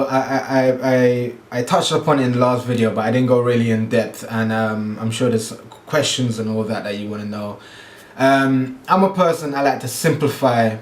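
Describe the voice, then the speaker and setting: A man's voice: medium pitch, roomy sound. A man from Guyana talking casually to camera about his diet, with many fillers and restarts. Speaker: fitness vlogger.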